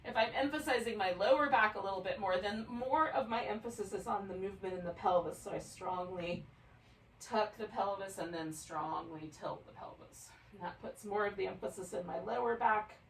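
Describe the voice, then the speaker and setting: A woman leads a yoga class in an easy, chatty manner and laughs often. Her voice sits at an ordinary middle pitch. She is picked up from some distance in an echoey room. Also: normal speed, a little hiss or hum. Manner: relaxed, chatty, laughs easily. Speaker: yoga instructor. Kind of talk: guided yoga class instruction. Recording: roomy sound, mic at a distance.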